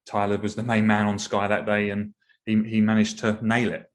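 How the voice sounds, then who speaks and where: A man's voice: lowish voice, completely flat delivery, moderate pace. A man co-hosting a football podcast, talking in a thoughtful, hedging way. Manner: thoughtful, hedging, laughs easily. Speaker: podcast co-host. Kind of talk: casual podcast chat.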